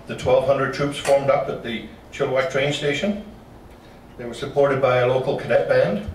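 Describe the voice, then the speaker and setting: A man's voice: medium pitch, a little hiss or hum. A man giving a slide-show history talk to a club, folksy and dropping joking asides. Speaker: local history presenter. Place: meeting room. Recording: roomy hall from far off.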